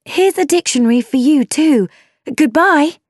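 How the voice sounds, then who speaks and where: Woman doing a nervous spinster, high-pitched, flustered, lively swings, dry sound. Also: a little slow, no echo. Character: nervous timid younger spinster sister.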